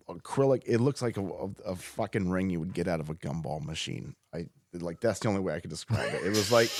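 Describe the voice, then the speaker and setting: A man's voice: lowish voice, dry recording, clean studio sound. A man on a podcast as a guest, telling a story in a loose, profane way, often stopping and restarting. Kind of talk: casual storytelling chat.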